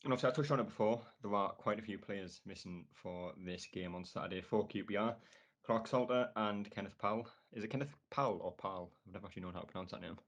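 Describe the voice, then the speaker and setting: A man's voice: fairly low pitch, fast talker, muffled recording. A man with a Sunderland accent hosting a casual football podcast, asking long leading questions. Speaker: podcast host.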